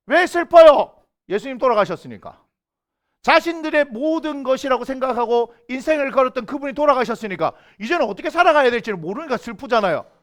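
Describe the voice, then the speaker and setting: A middle-aged male pastor preaches a sermon with a very high, lively voice. He keeps asking the congregation questions and briefly slips into the voices of the people he quotes. The talk rises and falls across a wide range. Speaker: senior pastor. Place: church sanctuary.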